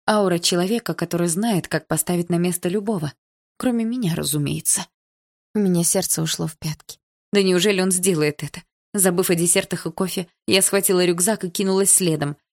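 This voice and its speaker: Woman reading a first-person audiobook, low voice, lively and a bit sardonic. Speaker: audiobook narrator.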